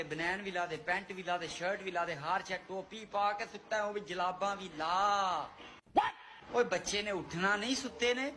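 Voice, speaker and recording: A man's voice: sits high, pushed and bright, a little hiss or hum. A man in an exasperated comic rant.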